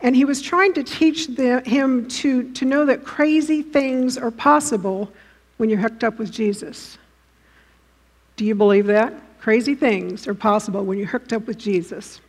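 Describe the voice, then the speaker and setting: A woman's voice: on the high side, unhurried. A woman preaching a sermon who has listeners picture the scenes she describes and often asks them direct questions. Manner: vivid, inviting listeners to imagine scenes.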